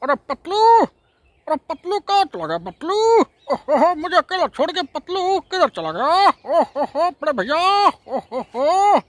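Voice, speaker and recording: A round, jolly cartoon hero who chuckles between every line and frets about being lost. The voice sits very high and swoops up and down. The sound is close and dry. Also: male voice, big pitch swings, a little slow, dry recording, heavily acted. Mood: lost, calling. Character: chubby jolly male cartoon hero, easily scared.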